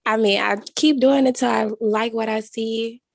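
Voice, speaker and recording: A woman's voice: a little high, steady tone, moderate pace, gravelly, dry recording. A woman from Chicago, a guest content creator on a podcast, talking bluntly and casually and swearing freely. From Chicago, USA. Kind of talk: casual group interview.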